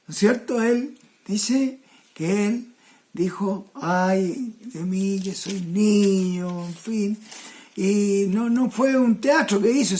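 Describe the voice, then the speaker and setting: Woman, church sermon, unhurried delivery, frequent restarts, addresses the congregation. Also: mid-range voice, a little mellow. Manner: slow, repeats "¿ya?" and "hermano" to the congregation; restarts and repeated words. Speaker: preacher.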